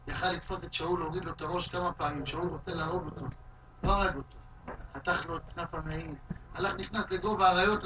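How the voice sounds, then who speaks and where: A man, a rabbi, giving a Talmud lesson in a study hall, telling stories in an animated way and acting out quoted shouts and cries. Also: high voice, slight background noise. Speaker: rabbi teaching a class. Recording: distant, dull lo-fi hall recording.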